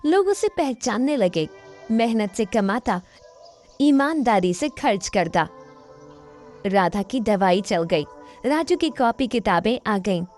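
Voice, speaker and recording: A woman narrating a cartoon story in measured, plain storytelling. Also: a little high, lively intonation, a little mellow, faint music behind. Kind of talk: scripted narration.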